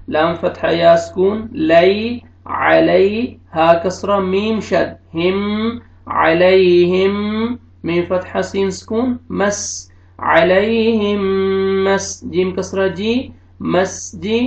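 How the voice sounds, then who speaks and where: Letters and vowels are spelled out one by one by this male Quran teacher, who then slowly draws out each joined word and briskly explains the rules in between. He has an Urdu-speaking accent and a high-pitched, creaky voice, recorded for an online recitation lesson in a dull, roomy home setting.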